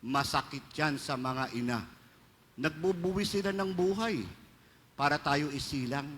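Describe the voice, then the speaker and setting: A man's voice: on the high side, a little slow, a bit bright, slight background noise. A man with a Filipino accent, a priest giving a joking, storytelling homily that mixes Filipino and English. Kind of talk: sermon. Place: large church. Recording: reverberant church hall, faint ambience.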